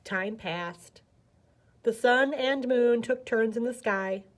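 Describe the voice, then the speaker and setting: With a fairly high-pitched voice, a woman reads a storybook to children, taking her time. Her expressive, dramatic emphasis fits a story-time read-aloud.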